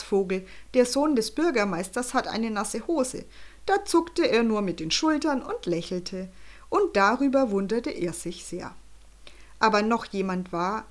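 A woman narrating a children's story with a lively, expressive reading. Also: medium pitch.

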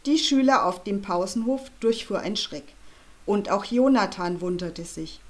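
A woman narrating a children's book in a lively, expressive way. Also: mid-range voice. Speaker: audiobook reader.

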